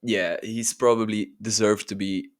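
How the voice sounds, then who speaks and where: A man's voice: on the low side, steady tone, unhurried. A man hosting a football channel, giving casual ranking commentary in a chatty, informal and enthusiastic manner. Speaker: YouTube football channel host.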